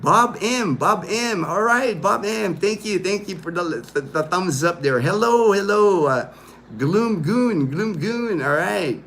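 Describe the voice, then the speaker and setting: A man's voice: high-pitched, expressive, slow, a bit bright, slight background noise. Chatty Filipino-born man on a livestream. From Philippines. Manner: rambling, reads out viewer comments, many fillers. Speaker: livestream host. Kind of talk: casual livestream chat.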